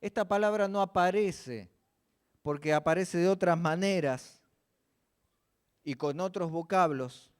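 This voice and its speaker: A man's voice: high voice, unhurried, pauses often, clean tone. A man preaching a church sermon, often asking the congregation questions and answering them himself.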